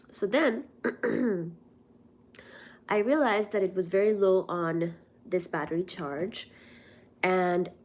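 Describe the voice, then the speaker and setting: A woman's voice: medium pitch, slight background noise. A young woman from India, hosting a casual livestream and chatting with viewers while answering their messages. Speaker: livestream host.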